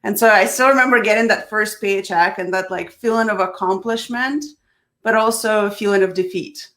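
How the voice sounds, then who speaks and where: A woman's voice: medium pitch, moderate pace, fairly bright tone. A woman from Russia, a guest in a casual video interview, upbeat and telling her story. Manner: upbeat, laughs often, storytelling.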